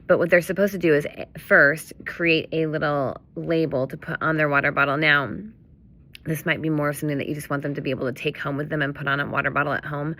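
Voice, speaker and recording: A woman's voice: sits low, flat delivery, fast talker, pushed and bright. A woman leading a children's ministry, casually walking volunteers through the week's activities with many fillers and self-corrections.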